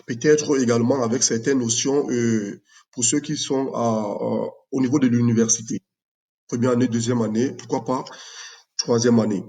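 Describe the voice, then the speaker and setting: This man from Cameroon, a math teacher, walks through his own project in an unscripted video. He speaks in a measured manner full of fillers, in a mid-range, dark voice with fairly even intonation.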